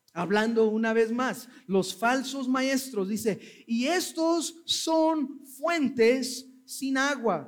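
A man preaching as a pastor, telling a Bible story in a conversational way, often tacking on short questions, and reading scripture aloud. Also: high-pitched. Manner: conversational, frequent tag questions. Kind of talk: sermon.

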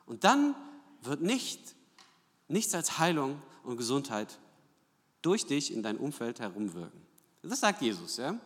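A man's voice: mid-range voice, wildly swooping pitch, measured pace, long pauses. A man preaching a sermon, asking rhetorical questions and often checking in with "ja?". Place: church hall. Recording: long church hall reverb.

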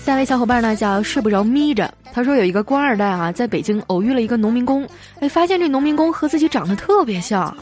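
A woman hosting a comedy show, reading out listener jokes in a lively storytelling way and chuckling through the punchlines. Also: on the high side, quick pace, hardly any pauses, soft background music. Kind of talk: comic storytelling.

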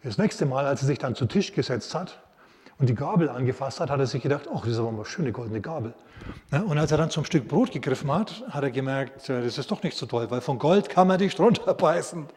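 A man preaching a sermon as a pastor, telling stories in a lively way and acting out quotes. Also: on the high side, fairly quick. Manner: lively storytelling with acted quotes. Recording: long reverb of a large hall.

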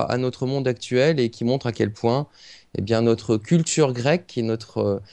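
A man giving a podcast book review as a columnist, earnest and hesitant, pausing often on filler sounds. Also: mid-range voice, gravelly, dark tone, no room sound.

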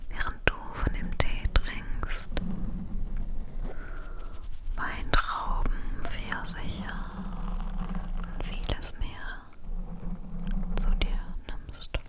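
A woman guides the listener through an imagined dream journey entirely in a whisper. Her delivery is soft and dreamy, with very slow, soothing phrasing in an ASMR style. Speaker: guided relaxation narrator.

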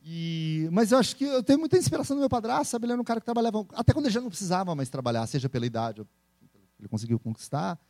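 A man with a Brazilian accent, a speaker and entrepreneur, telling stories in a casual interview with animated laughter. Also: high-pitched, no echo. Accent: Brazilian Portuguese. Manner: animated, laughing, quick storytelling.

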